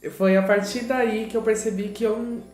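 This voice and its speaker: A young man in his late teens telling his personal story slowly and with emotion. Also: high voice, steady tone, darkish tone, echoey room, faint music behind. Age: young adult. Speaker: interviewee. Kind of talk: personal testimony.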